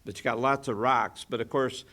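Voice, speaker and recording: A man's voice: mid-range voice, fairly even intonation, moderate pace, pushed and bright. A man, a pastor, teaching a Bible study in a church, explaining points and asking the class rhetorical questions.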